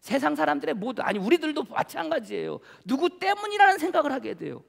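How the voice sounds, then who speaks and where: A man's voice: extremely high pitch, big pitch swings, fast talker, creaky. A man preaching a sermon as pastor, putting rhetorical questions to the congregation. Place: church sanctuary. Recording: church hall reverb.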